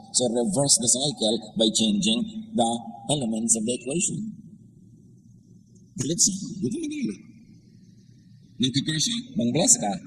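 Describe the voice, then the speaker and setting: A Filipino man delivers a sermon with a bright, animated voice that rises and falls widely. He slips between Tagalog and English, quotes scripture and jokes with the congregation. The sound carries a long hall reverb over a faint room hum. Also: medium pitch. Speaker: preacher.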